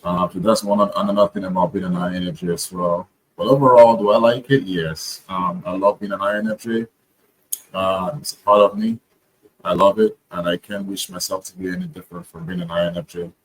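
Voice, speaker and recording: A man's voice: deep voice, a little fast, rough recording. A man talking casually to camera, earnest and reflective, with frequent hesitations and restarts. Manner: hesitant, many ums and restarts. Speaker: vlogger.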